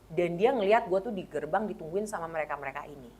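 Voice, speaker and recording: A woman's voice: lowish voice, expressive, quick pace, darkish tone, a little hiss or hum. A woman, co-hosting a casual chat and telling a story animatedly, acting out the quotes. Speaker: co-host.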